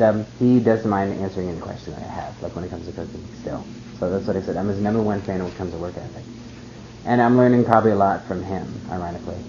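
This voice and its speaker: A man's voice: medium pitch, warm tone. A man in casual chat who rambles and says "like" constantly. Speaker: cooking student. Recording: dull lo-fi sound with faint noise.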